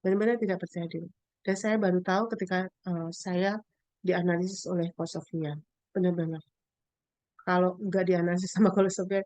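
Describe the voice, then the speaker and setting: A middle-aged woman tells a personal story in casual talk, acting out quoted lines in a louder, higher voice. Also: clear, resonant tone, no echo. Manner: animated, acts out quoted lines in a raised voice. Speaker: speaker sharing a personal story about inner wounds.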